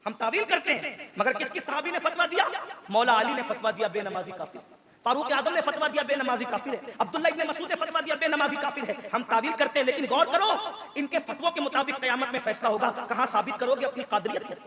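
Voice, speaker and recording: A man's voice: extremely high pitch, quick pace, bright, forceful tone, roomy sound, in a large hall. A man preaching an impassioned sermon, fiery and rhetorical, building on repeated refrains.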